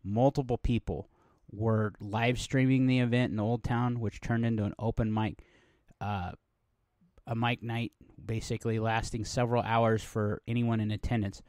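A man's voice: on the low side, little pitch movement, normal speed, a little mellow, dry recording, studio quality. A middle-aged man from New Mexico hosting a podcast, talking in a rambling, conversational way with many fillers and restarts. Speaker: podcast host. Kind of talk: casual podcast monologue.

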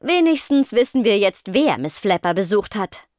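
A woman's voice: medium pitch, sing-song, moderate pace, darkish tone, dry recording, clean studio sound, pitched above the performer's own voice, lightly acted. A woman doing a snappy plant monster girl. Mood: irritated. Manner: blunt, snappy.

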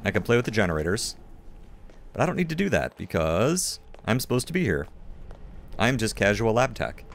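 This gaming video host talks in a lowish, sing-song voice, a little on the fast side, with slight background noise. He narrates his let's play chattily, poking fun at himself, while game sounds and music play underneath.

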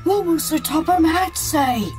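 A man voicing a small, anxious young male tank engine in a storybook cartoon, with a squeaky, excitable manner. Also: slow, music in the background. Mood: worried. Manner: squeaky, excitable, easily alarmed.

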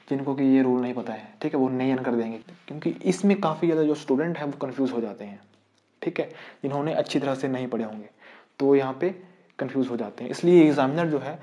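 A man's voice: mid-range voice, fast, dark tone. A man teaching a grammar lesson for exam prep, asking the class questions and answering them himself. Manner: quizzes students, repeats rhetorical questions.

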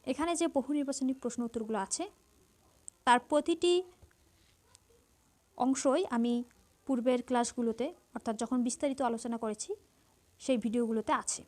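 A woman's voice: fairly high pitch, fairly quick, long pauses, a little mellow. A woman teacher with a Bangladeshi Bengali accent, steadily reading out numbered quiz questions and explaining each answer. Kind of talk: exam-prep lesson, reading quiz answers.

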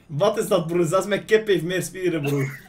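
A man's voice: high-pitched, moderate pace, crowd noise. A man hosting a random video chat, teasing and mocking strangers and laughing often.

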